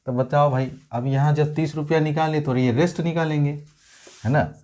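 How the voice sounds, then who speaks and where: Guy teaching maths, warm low-key voice, keeps asking the class and answering himself. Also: fairly even intonation, normal speed. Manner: explains step by step, asks the students questions and answers them himself; speaks the students' replies for them. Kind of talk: classroom lesson.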